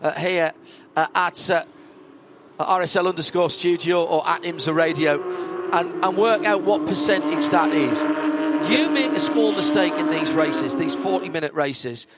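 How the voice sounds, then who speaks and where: A man with a high-pitched voice works as a live motorsport commentator. He calls the race play-by-play, correcting himself as he goes. Loud car noise runs behind him throughout. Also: measured pace. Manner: running play-by-play with self-corrections. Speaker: motorsport commentator, lead announcer. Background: race cars, trackside ambience.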